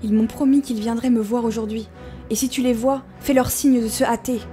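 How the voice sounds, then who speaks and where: A woman's voice: a little high, steady tone, brisk, mellow, close to an everyday voice. A woman voicing a terrified young wife who pleads and cries out for help in a storybook reading. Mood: pleading. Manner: pleading, frightened. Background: music.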